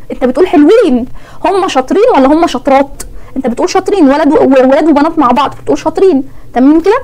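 A woman's voice: high voice, a little mellow, poor audio. A young woman with an Egyptian Arabic accent teaching an Italian grammar lesson, playfully asking and answering her own questions.

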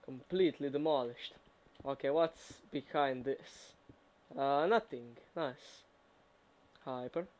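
A man's voice: mid-range voice, slow, pauses often, darkish tone. A young man chatting casually and teasing his friend while they play a co-op game. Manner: teasing, joking. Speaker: gamer. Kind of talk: casual co-op gameplay chat.

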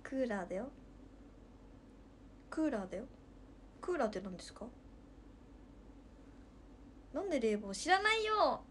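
A Nagasaki woman in her twenties, speaking in the local dialect, livestreams from her room at home, chatting playfully and giggling with viewers. Her mid-range voice is expressive and dark-toned at normal speed with long pauses, over slight background noise.

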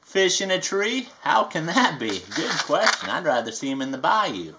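A performer reads a children's picture book aloud as a playful, folksy bayou alligator, using a Southern US accent and drawn-out emphasis. The voice is mid-range and very animated, with background noise present.

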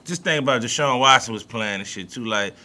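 A man with a New Orleans accent riffs on football as a podcast co-host, cursing freely and leaning hard on his points. His voice is bright and forceful, sitting at an ordinary pitch. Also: a little fast. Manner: loose, profane, emphatic. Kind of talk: casual sports talk.

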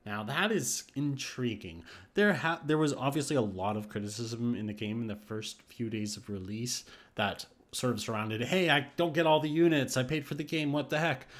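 Over screen capture, a man who makes gaming videos on YouTube offers loose, off-the-cuff thoughts on patch notes, stumbling and restarting along the way. His pitch is medium and his speed normal.

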